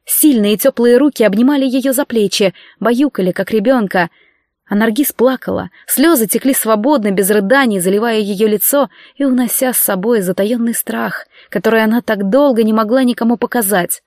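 A woman narrating an audiobook in calm, expressive storytelling. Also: a little high, normal speed, no room sound, studio quality. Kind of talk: scripted narration.

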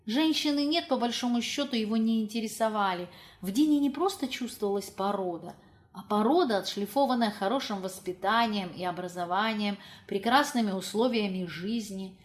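A woman with a medium-pitched voice narrates a literary audiobook, her storytelling measured and expressive.

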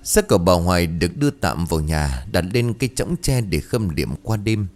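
Deep-voiced man telling a ghost story. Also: sing-song, normal speed, darkish tone. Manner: dramatic, suspenseful telling. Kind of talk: scripted ghost story narration.

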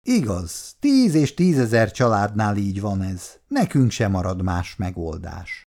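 A man's voice: very animated, a little mellow. A reader voicing a placating, weary young husband and father who answers in a soothing, gloomy tone in a dramatized reading of a 1960s family story. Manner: soothing, gloomy, low-voiced.

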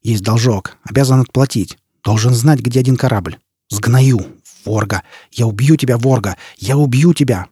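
A man's voice: mid-range voice, moderate pace, dark tone, breathy edge, no echo, clean studio sound, close to an everyday voice. A man playing a scarred, menacing, vengeful man who speaks in a curt, growling, threatening way. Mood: obsessed, fierce.

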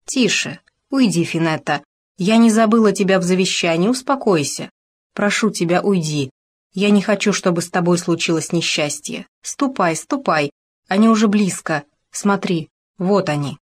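A determined noblewoman giving firm instructions in a lowish, resolute voice, as a woman reader plays her. Her tone is proud and composed, in a storybook reading. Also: normal speed, natural voice.

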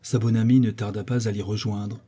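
A man reading a classic novel aloud as a measured first-person storyteller. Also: fairly low pitch, flat delivery, mellow, slightly rough. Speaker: audiobook narrator.

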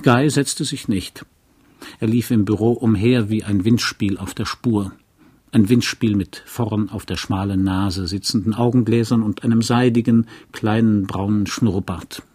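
A man reading a novel aloud in a calm, measured narrating voice. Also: on the low side, breathy edge. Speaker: audiobook reader. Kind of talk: scripted literary narration.

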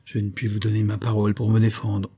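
A cunning suspect, voiced by a man reading aloud, protests his innocence in a theatrical, pleading way. The voice is husky and dark-toned, and his indignation is put on for show. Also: fairly low pitch, monotone, quick pace. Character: cunning male suspect feigning outraged innocence.

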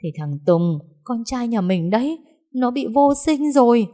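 A woman voicing a sobbing, distraught older mother-in-law who laments loudly in a storytelling narration. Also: a little high, lively intonation, measured pace, voice pushed up. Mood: wailing. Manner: wailing, lamenting.

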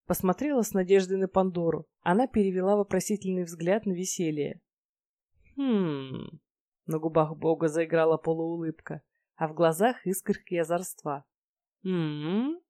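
A woman narrating a first-person fantasy romance audiobook in a wry, lively storytelling manner. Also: fairly low pitch, dry recording.

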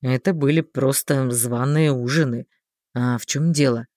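A woman reading an audiobook voices a calm, caring male mage who speaks in a measured, unhurried way. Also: no echo, clean studio sound. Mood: puzzled. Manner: unhurried, measured, low and soft. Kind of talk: audiobook character voice.

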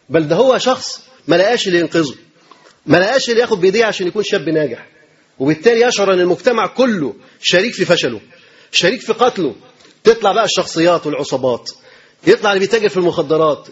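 A male preacher with an Egyptian accent delivers his sermon at a quick clip, his voice pitched high. He stacks up rhetorical questions and hammers phrases twice, and there is a husky edge to his voice. The recording sounds dull and lo-fi. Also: expressive. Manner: emphatic, rapid rhetorical questions and repeated phrases.

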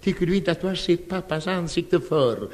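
Here is a stern, middle-aged wife hissing her instructions in a tight, hushed whisper, as a man puts her on. The voice sits fairly high, and a long, ringing reverb trails after every phrase. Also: expressive. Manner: hushed and tense.

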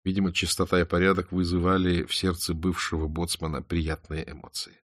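A man calmly narrating an audiobook in a measured way. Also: low voice, dry recording, clean studio sound. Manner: calm, measured. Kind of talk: scripted narration.

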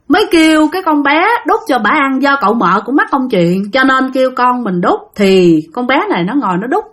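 A woman telling a spooky tale in relaxed, conversational style. She has a high voice and keeps turning to address her listeners directly. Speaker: storyteller. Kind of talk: casual spoken ghost story.

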